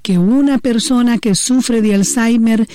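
A woman hosting a radio interview, asking calm, measured questions. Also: a little high, dry recording. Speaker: radio host.

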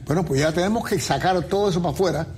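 Man preaching on a faith q&a show, kinda high voice, faint hum behind. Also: very fast, darkish tone. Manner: preachy, uses everyday comparisons. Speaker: pastor co-host. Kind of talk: faith talk show answering questions.

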